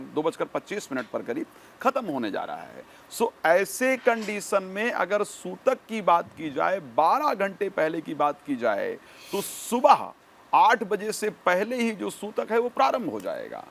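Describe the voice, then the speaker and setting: A man speaking as an expert guest, giving formal, measured instructions point by point. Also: high-pitched, vocal fry, slight background noise. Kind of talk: explanatory interview answers.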